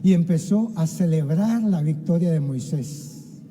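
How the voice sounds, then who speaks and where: An impassioned man preaching a sermon with a deep, mellow, warm tone pitched slightly high. He calls out to the congregation and acts out scripture scenes. His voice rings with the long reverb of a church hall. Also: measured pace. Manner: impassioned, keeps addressing listeners as "hermano"; acts out biblical dialogue. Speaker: pastor. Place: church sanctuary.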